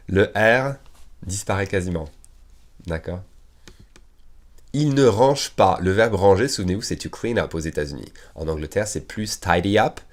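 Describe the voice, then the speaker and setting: A man teaching English to French speakers, slowing right down for the English examples and talking quickly when he explains in French, with an American accent in his English. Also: low-pitched. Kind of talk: online language lesson.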